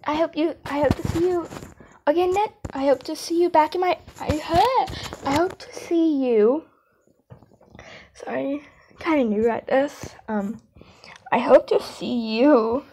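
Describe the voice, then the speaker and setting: With a warm, high-sitting voice and slight background noise, a young woman rambles casually as an amateur comic dub creator. She's hesitant and halting, repeatedly correcting herself as she goes.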